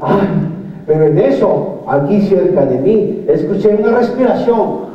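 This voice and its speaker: A man's voice: high voice, expressive, unhurried. An actor playing a forgetful, sleepy old man, who keeps losing his thread in a comedy sketch. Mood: drowsy rambling. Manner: trails off and loses his thread. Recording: distant, dull, very echoey room.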